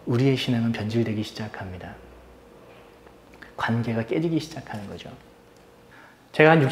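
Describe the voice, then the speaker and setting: Korean pastor preaching in an echoey hall. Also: male voice, medium pitch, a little hiss or hum. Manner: storytelling, acts out quoted voices softly and loudly. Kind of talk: sermon. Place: church sanctuary.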